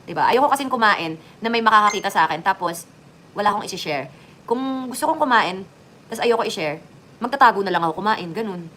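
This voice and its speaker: Chatty Filipina vlogger with jumpy delivery. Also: female voice, quick pace, slight background noise. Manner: chatty, lively swings in pitch and loudness, joking asides. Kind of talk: casual chat to viewers.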